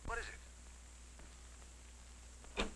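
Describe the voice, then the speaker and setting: Sharp, anxious 1940s film caller. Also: male voice, extremely slow, heavily acted, poor audio. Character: anxious, questioning man on a telephone. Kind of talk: 1940s horror film acting.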